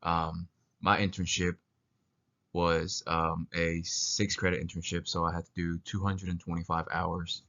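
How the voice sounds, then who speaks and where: A young man with a low, fairly flat voice presents haltingly through a bout of flu. He sounds like a student working through a prepared talk. The recording is dull and lo-fi. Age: young adult. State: sick with flu, coughing now and then. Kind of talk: narrated presentation.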